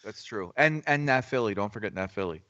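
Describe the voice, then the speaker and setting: A man's voice: fairly low pitch, expressive, brisk, a bit bright, dry recording, highs cut off. A man hosting a casual trading livestream, teasing his co-hosts and swearing freely. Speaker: stock trading stream host. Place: home, in Florida.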